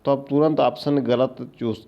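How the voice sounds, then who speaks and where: A man's voice: medium pitch, steady tone, moderate pace. A male teacher going through exam questions, repeating each answer word several times and checking in with a rising "ठीक है" after each point. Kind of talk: exam-prep lecture. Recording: dull lo-fi lecture recording.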